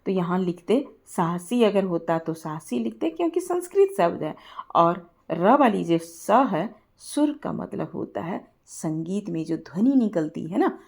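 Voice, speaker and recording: A woman's voice: on the low side, animated, unhurried, gravelly, few pauses, darkish tone. A woman teaching a grammar lesson, explaining each answer step by step and checking in with rhetorical questions.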